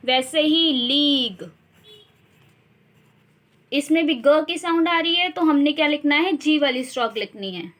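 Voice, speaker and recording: A young woman teaching shorthand, slowly repeating each sound and example word to drill it. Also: high-pitched, fairly bright tone. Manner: slow, repeats sounds and words to drill them. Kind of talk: instructional explanation.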